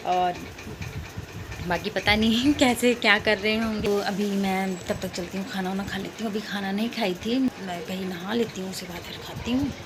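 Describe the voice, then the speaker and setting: A woman's voice: medium pitch, noisy background. Young woman vlogging casually at home. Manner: chatty, rambling, self-narrating daily errands. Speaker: family vlogger.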